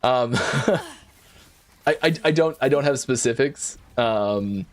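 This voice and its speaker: A man hosting a casual developer Q&A stream while playing, talking in a lively way and often repeating words and restarting his sentences. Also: mid-range voice, slow pace. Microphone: desk mic.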